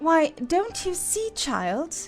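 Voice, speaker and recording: A woman's voice: very high voice, sing-song, slow, faint music behind, exaggerated voice. A woman playing a stern, bossy, haughty queen who lectures sharply in a storybook drama.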